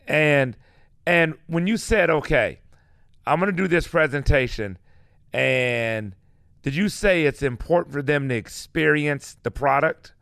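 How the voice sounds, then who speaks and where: A man's voice: a little high, animated, a little slow, creaky, fairly bright tone, dry recording, studio quality. A man co-hosting a radio show, asking questions in a chatty, stumbling way. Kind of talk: casual interview.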